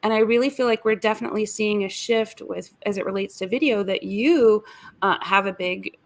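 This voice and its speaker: Chatty woman with a gravelly edge. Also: mid-range voice, a little fast. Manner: chatty, laughs often, rambling asides. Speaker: podcast co-host. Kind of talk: casual video-call chat.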